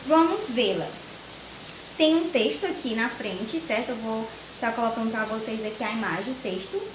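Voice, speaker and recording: A young woman with a Brazilian Portuguese accent teaching a children's grammar lesson, slowly and patiently breaking words into syllables. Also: a little high. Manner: slow, patient, spells syllables out one by one. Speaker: primary school teacher. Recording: echoey room with faint hiss.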